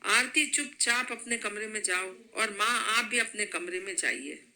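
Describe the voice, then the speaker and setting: A woman's voice: medium pitch, a little slow, pushed and bright, poor audio. A woman storyteller voicing a young husband caught between his wife and his mother, scolding and pleading. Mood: stern.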